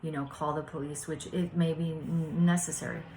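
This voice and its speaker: A woman with a notably low voice talks through her reflections softly, hesitating and restarting often. A faint hiss of room noise sits behind her. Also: fairly even intonation, moderate pace, poor audio. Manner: soft-spoken, hesitant, many fillers. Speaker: spiritual study vlogger. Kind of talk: casual reflective sharing.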